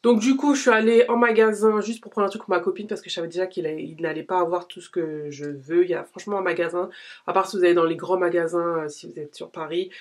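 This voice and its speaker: A woman's voice: fairly low pitch, steady tone, quick pace, slight background noise. Chatty woman in her late thirties. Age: late 30s. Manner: chatty and rambling, with casual slang. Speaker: beauty vlogger. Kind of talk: casual vlog chat. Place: home, filmed in natural daylight.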